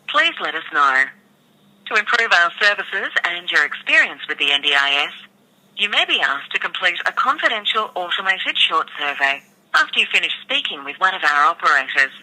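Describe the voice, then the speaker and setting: A recorded phone menu message from a helpline, read out in a measured, formal announcing manner. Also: mid-range voice, sharp tone, low-quality recording.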